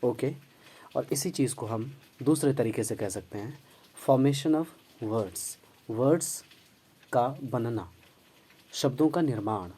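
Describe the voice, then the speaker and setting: A male English teacher gives a Hindi-language grammar lesson with English terms, speaking slowly with frequent pauses. His mid-range voice is warm, husky and expressive, and he patiently spells out words letter by letter with their pronunciation.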